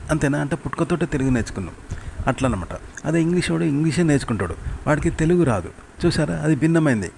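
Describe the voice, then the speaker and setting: A man's voice: medium pitch, a little mellow, slight background noise. Man teaching with a Telangana accent. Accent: Telangana Telugu. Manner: repetitive, asks rhetorical questions to the listener. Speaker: writing teacher. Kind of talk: informal spoken lesson.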